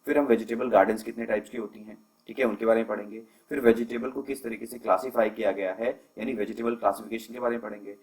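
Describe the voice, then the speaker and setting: A man's voice: on the low side, little pitch movement, fast talker, hardly any pauses, a little mellow, low-quality recording. A young man teaching an agriculture lecture over slides, explaining terms patiently and mixing English into his talk. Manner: explanatory, mixes English terms into Hindi, frequent fillers.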